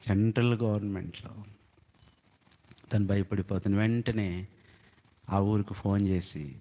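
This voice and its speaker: A man with a Telugu accent preaching a sermon as pastor, asking the congregation questions and rising to emphatic high-pitched shouts. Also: unhurried. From India. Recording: long hall reverb.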